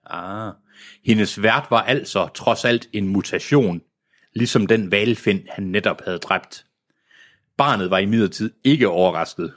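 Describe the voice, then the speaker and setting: A man reading a novel aloud in a casual way, stumbling now and then and breaking off with self-mocking asides. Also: on the low side. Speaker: reader.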